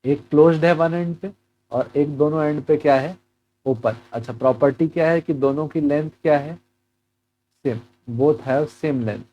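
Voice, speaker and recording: A man's voice: on the high side, unhurried, mellow, lo-fi sound. A man walking through a physics exam problem as a teacher, mixing Hindi with English terms and asking and answering his own questions.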